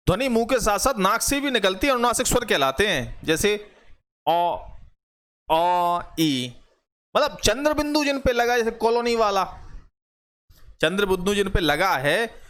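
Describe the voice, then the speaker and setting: Man, high voice, online grammar teacher, step-by-step explainer who repeats examples and quizzes the class. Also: fairly bright tone. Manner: explains step by step, repeats examples aloud and asks rhetorical questions.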